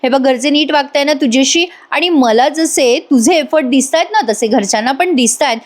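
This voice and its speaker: A woman's voice: sits high, moderate pace, close to an everyday voice. A woman voicing a stern young husband. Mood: soothing. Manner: stern, scolding. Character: young husband, angry then tender.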